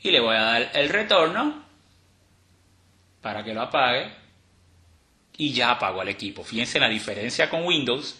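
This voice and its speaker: Man explaining a tutorial, bright voice. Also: fairly high pitch. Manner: relaxed, explanatory, with frequent fillers and restarts. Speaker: instructor demonstrating a screen reader. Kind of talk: step-by-step tutorial podcast. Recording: roomy echo.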